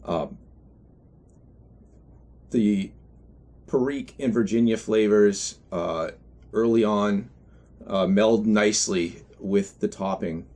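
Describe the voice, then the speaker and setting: A man giving an unscripted product review in a halting, reflective way, often correcting himself as he goes. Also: on the low side, a little mellow. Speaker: pipe tobacco reviewer.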